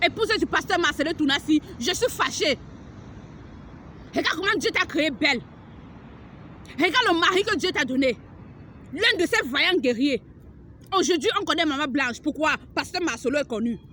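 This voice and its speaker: A woman preaches outdoors at a beach in a very high, piercingly bright voice. She scolds with fervour, repeating her lines and hammering rhetorical questions. Faint traffic hums in the background. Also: animated, moderate pace, long pauses. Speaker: preacher delivering a prophetic message. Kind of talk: impassioned outdoor preaching to camera.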